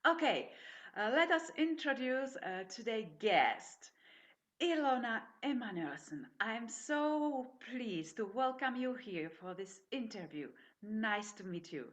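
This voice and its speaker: A woman's voice: on the high side, sing-song, slow, a bit bright. A woman hosting an interview, introducing her guest and asking inviting questions. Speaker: interview host. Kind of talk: hosted interview.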